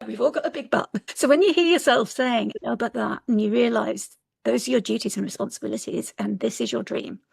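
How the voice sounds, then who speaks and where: A woman's voice: a little high, brisk, vocal fry, hardly any pauses, husky, no echo, clean studio sound. A woman astrologer, a guest in a casual conversation, telling a story earnestly and urging listeners to chase their dreams.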